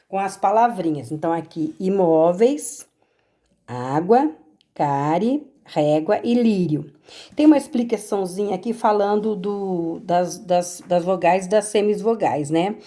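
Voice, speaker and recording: Patient Brazilian woman teacher, mellow voice. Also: lowish voice, normal speed, hardly any pauses. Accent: Brazilian Portuguese. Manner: patient, explains step by step with many "né?" and "tá?". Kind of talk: correcting homework for pupils.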